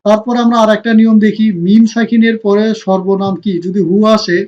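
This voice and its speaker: Male Arabic tutor, high voice, drills syllables one at a time for his students, muffled lo-fi sound. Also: fairly even intonation, a little mellow. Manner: repeats "dear students", asks and answers his own questions; drills short syllables one by one, slowing down to spell out Quranic phrases. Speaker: Arabic teacher. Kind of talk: recorded online grammar lesson.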